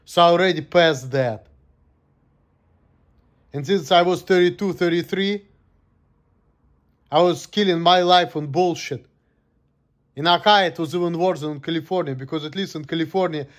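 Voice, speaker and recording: Male vlogger, late thirties, slightly high voice, bleak and foul-mouthed talk to camera. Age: 30s. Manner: gloomy, profane venting. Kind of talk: casual monologue.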